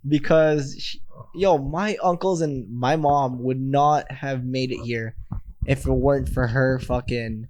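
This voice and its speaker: A man's voice: medium pitch, takes it slowly, a little mellow. A young man in casual podcast chat, slangy and emphatic with heavy swearing, speaking into a handheld mic. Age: young adult. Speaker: podcast host. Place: small plain room, indoors. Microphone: handheld microphone held close.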